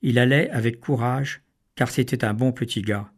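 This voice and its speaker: A man narrating a storybook in a measured, even reading style. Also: mid-range voice, husky.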